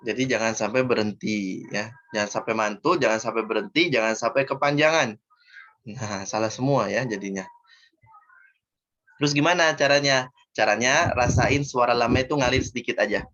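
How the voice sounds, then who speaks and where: A man teaching a recitation lesson over an online call. He explains patiently, step by step, and slows down to model each word. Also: medium pitch, a bit bright, muffled recording. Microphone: video call.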